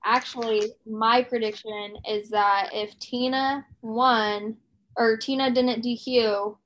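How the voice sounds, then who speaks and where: Woman, thirties, podcast co-host, casual rambling chat, fillers, a bit high-pitched. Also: fairly even intonation, slow, fairly bright tone, a little hiss or hum, poor audio. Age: 30s. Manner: chatty, rambling with many fillers and restarts.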